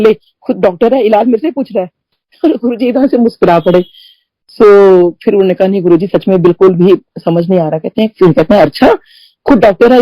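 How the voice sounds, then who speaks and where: A woman's voice: mid-range voice, no room sound, muffled recording. Chatty middle-aged woman, devotional talk. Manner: chatty, mixes English phrases into Hindi. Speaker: devotee sharing experiences. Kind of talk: spoken testimony in a satsang.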